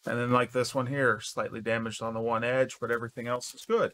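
A man's voice: medium pitch, fairly quick. A man co-hosting a crafting channel, chatting casually while unboxing and naming colors as he sorts scraps in a craft room, picked up by a camera across the room. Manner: relaxed, names colors as he sorts.

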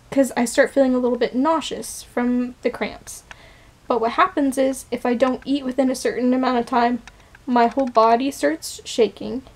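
High and a little mellow, this woman's voice belongs to a vlogger in her twenties who is unwell and shaky. Chatting in a personal vlog, she wanders through her thoughts with many fillers and false starts, recorded close up by a camera's built-in mic in a small bedroom.

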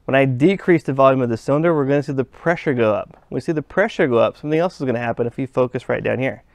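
Rapid-fire and medium-pitched, an HVAC instructor explains a technical task step by step in plain words while handling parts at his workshop bench. This hands-on lesson is recorded with no echo.

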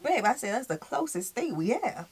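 A woman's voice: fairly high pitch, big pitch swings, moderate pace, heavy background noise. An American woman in her thirties chatting casually as a reaction video host, in short colloquial remarks. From United States. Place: small indoor room with plain backdrop.

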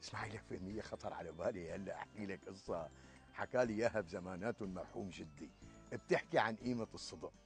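A man's voice: on the low side, fast talker, faint music behind, close to an everyday voice. An actor in his sixties playing an older Syrian village man, telling an Arabic folk tale with a moral in colloquial storyteller phrasing. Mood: storytelling. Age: 60s. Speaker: actor in a TV sketch. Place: outdoors in a leafy garden.

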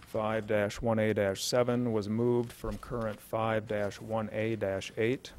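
A middle-aged man at a podium mic in a council chamber reads off ordinance changes in a flat, low, measured voice. He pauses on filler sounds and keeps an even, businesslike pace. A faint hiss of room noise sits behind him. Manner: measured, matter-of-fact, with frequent uh fillers. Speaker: city official presenting an ordinance. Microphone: podium microphone.

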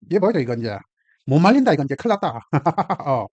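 Very animated and talking fast, the middle-aged cooking vlogger has a slightly high, somewhat mellow voice and a Gyeongsang Korean accent. He exclaims and laughs often while chatting to viewers, and the recording is dull, lo-fi and dry, without room sound.

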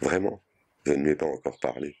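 Brief: young male prisoner, guilty, evasive, subdued, read by a man with a very deep voice. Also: brisk, creaky, darkish tone, slightly rough, exaggerated voice. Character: guilt-ridden young male prisoner talking to his mother.

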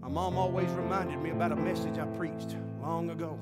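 A man's voice: on the high side, steady tone, a little fast. A man preaching a fervent sermon as pastor, often breaking in with exclamations of praise. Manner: fervent, punctuates with "glory to God". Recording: loud guitar music behind.

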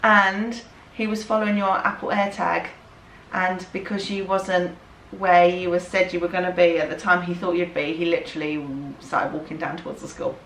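This family vlogger, a woman in her thirties with an English accent, speaks in a fairly low, fairly bright voice with a flat delivery at normal speed. She talks casually and fondly with her kids through the house and garden, recorded on a camera mic with noisy handheld sound.

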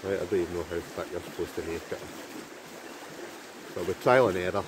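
Beside a flowing river, an outdoor vlogger from Scotland in his forties cooks at camp, chatting casually to camera and thinking aloud. He talks fairly quickly in a low-pitched voice with fairly even intonation.

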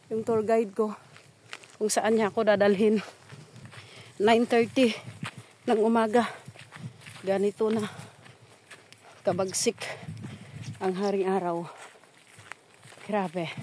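A woman vlogger chats casually with her viewers while walking around a dry rural farm outdoors. Her voice is medium-pitched, and the rough recording carries loud outdoor background noise.

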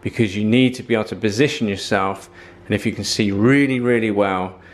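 A man's voice: on the low side, brisk. A man, giving a casual, practical tool review from his home workshop. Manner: plain-spoken, practical, advice-giving. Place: home workshop with tools on the wall.

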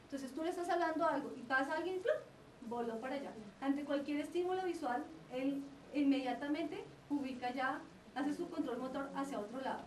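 Woman, lecturer, high voice, quick delivery, explanatory, roomy sound from afar. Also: a little hiss or hum. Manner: explanatory, often checks in with the audience. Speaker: lecturer on child development. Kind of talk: lecture to parents and teachers. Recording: roomy lecture recording from a distance.

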